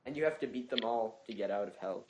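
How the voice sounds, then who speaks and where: A man's voice: lowish voice, fast, background noise. An American man co-hosting a casual gaming chat, joking around and laughing a lot. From United States. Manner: jokey, laughs a lot, goofy asides. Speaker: podcast co-host.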